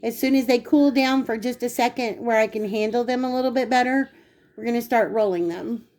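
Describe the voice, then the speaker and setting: A woman with a slightly high voice, talking casually through a home baking recipe. She explains each step in a chatty, easygoing way. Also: a little fast, darkish tone, soft background music. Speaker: home cooking vlogger.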